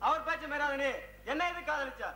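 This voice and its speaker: A man's voice: very high voice, brisk, full character voice. A man playing an affectionate young lover who comforts and teases his sweetheart on a village stage. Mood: tender. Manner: tender, teasing, reassuring. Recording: echoey open-air stage with loud music.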